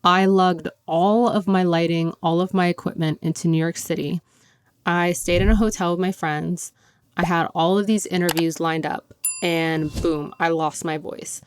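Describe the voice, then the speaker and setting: Gushing freely and saying "like" constantly, a young podcast host chats on her own show. She speaks at a normal pace in a smooth, lowish voice with a steady tone.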